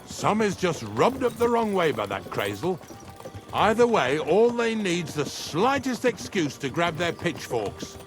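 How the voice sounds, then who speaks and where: An actor playing a gruff, talkative older rustic wagon driver in a medieval video game, with a folksy, rambling manner. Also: male voice, sits high, big pitch swings, unhurried. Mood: chatty, grumbling. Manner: folksy, rambling, plain-spoken. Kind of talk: video game dialogue acting. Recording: music behind the voice.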